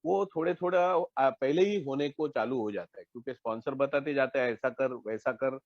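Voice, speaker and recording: Man with a Mumbai Hindi accent, mid-pitched, sharing his story on a dull, dry online call. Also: normal speed, no echo. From India. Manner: conversational, acts out both sides of phone talks. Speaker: AA member sharing recovery story. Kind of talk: personal testimony in an online meeting. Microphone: online call mic.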